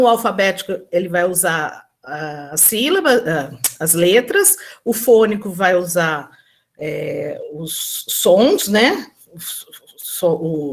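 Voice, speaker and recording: In a medium-pitched voice, a woman presents to an online teaching symposium about her classroom experience. She hesitates a lot, with many fillers and restarts, and slowly acts out what the teacher and pupil say.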